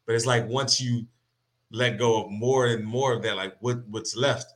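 A man co-hosting a podcast, working through ideas aloud in a searching, halting way with many restarts. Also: medium pitch, fairly even intonation. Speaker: podcast co-host. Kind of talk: reflective casual conversation.

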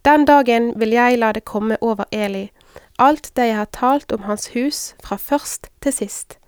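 A woman reading scripture aloud at a measured pace. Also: on the high side, clean tone, no room sound. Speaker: scripture reader. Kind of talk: Bible reading.

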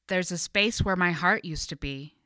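A woman voicing a weary, broken old male robot who speaks softly and gently. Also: normal speed, no room sound, studio quality. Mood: gentle. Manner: soft, gentle and low.

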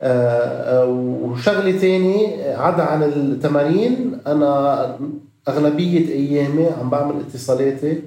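Lebanese man, slightly high mellow voice, interview storytelling, English words mixed in, echoey room. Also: normal speed. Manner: mixes English words into his speech. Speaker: interview guest, activist. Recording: roomy echo.

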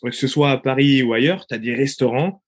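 A man's voice: mid-range voice, fairly quick, husky. A man co-hosting a podcast, reacting with emphatic agreement in casual chat. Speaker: podcast co-host.

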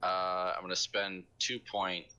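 A man with a low but very bright, forceful voice talks casually as a player in a tabletop game. Some keyboard typing is heard around him. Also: monotone, unhurried, smooth.

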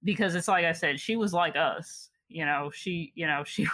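A woman's voice: on the low side, normal speed, fairly bright tone, dry recording. A young woman from Chicago telling a personal story in casual conversation, laughing often and reflecting with many fillers.

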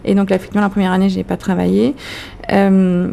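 A woman from France with a French accent, a comedian answering interview questions in a reflective way, often pausing to search for her words. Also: mid-range voice, flat delivery, gravelly, dark tone. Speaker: comedian guest.

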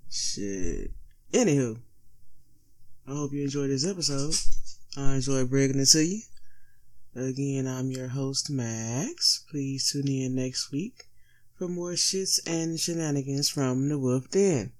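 A man's voice: mid-range voice, takes it slowly. A man hosting a casual solo podcast, sounding stoned and a little sluggish, talking in loose slang with heavy swearing. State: stoned, sluggish from being high. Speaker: podcast host.

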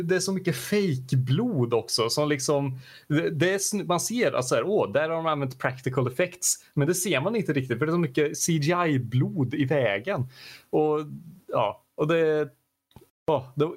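A man co-hosting a podcast chats casually. He talks in an animated way and laughs easily. His voice sits a little high for a man. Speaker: podcast co-host. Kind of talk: casual chat.

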